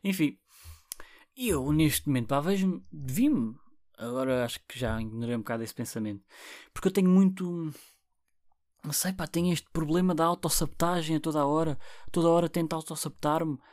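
A man's voice: fairly high pitch, a little fast, a little mellow, no echo, clean studio sound. Rambling young man with a European Portuguese accent. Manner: rambling and profane, with frequent restarts and fillers. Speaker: podcast host. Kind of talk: casual solo podcast monologue.

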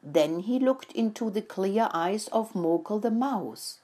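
Slow, husky woman reading a story. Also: medium pitch, lively intonation, dark tone. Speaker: narrator.

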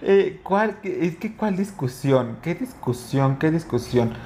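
A man's voice: fairly high pitch, lively intonation, takes it slowly, warm tone, slight background noise. Rambling Mexican man, casual podcast chat. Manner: rambling storyteller with many fillers and restarts. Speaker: podcast co-host.

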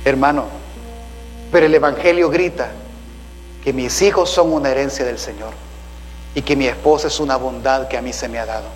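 A man's voice: medium pitch, fairly quick, a little hiss or hum, low-quality recording. A man preaching a sermon as a pastor, calling listeners "brother" and asking them rhetorical questions.

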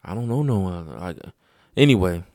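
A man's voice: deep voice, lively intonation, moderate pace, a little mellow, dry recording, studio quality. A sleepy man rambling profanely in a casual late-night monologue from his room, repeating himself as he talks. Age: adult father. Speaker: host.

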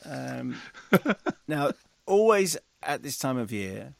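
Male radio host. Deadpan, teasing chat with a touch of fry, very dry studio mic. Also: medium pitch, slow, no echo. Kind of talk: casual bantering radio chat. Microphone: close studio microphone.

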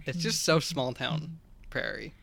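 A man's voice: a little high, fairly even intonation, unhurried, a bit bright, no echo. Male co-host, loose rambling chat, dry close mic. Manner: casual, rambling, full of "like" and "just". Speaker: podcast co-host. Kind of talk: casual chat.

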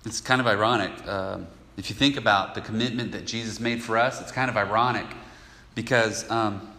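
A man's voice: fairly low pitch, steady tone, a little fast, sharp tone. A man preaching a sermon as pastor, conversational and emphatic, with casual asides. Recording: echoey hall with long reverb.

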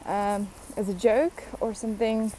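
Young woman, slow chatty rant, mellow voice, blunt, swears. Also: medium pitch, level tone, slight background noise, poor audio. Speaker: vlogger. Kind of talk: casual venting monologue.

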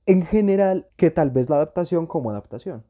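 A man's voice: a little high, animated, brisk, muffled recording, music in the background. A man co-hosting a casual podcast chat, reacting with theatrical exclamations. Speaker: podcast co-host.

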